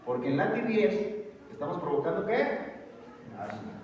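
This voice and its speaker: Emphatic male preacher, fairly high voice, recorded from afar in a long-reverb church hall. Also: big pitch swings, moderate pace, a little mellow. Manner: emphatic, asks the congregation questions, repeats "hermano". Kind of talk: sermon. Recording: echoey hall, distant mic, muffled and noisy.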